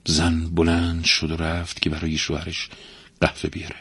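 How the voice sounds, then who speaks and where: A man reading a story aloud in an expressive storytelling manner. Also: extremely low pitch, slightly rough, no room sound. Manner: expressive reader, many character voices. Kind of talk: storybook narration.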